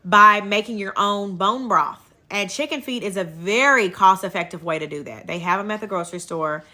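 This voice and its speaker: A woman with a Kentucky accent and a very bright, forward voice. She hosts a casual livestream in a folksy, chatty way, with a middle-range pitch, dropping thanks to viewers into her talk. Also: moderate pace. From Kentucky, United States. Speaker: livestream host and herbal health seller.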